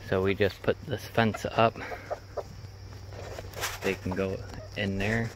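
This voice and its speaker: A man's voice: low voice, little pitch movement, slow pace, noisy background. A young man in his twenties chatting casually on a farm vlog, filming himself outdoors by a chicken coop on a handheld phone, rambling with fillers. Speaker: farm vlogger. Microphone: phone camera at arm's length.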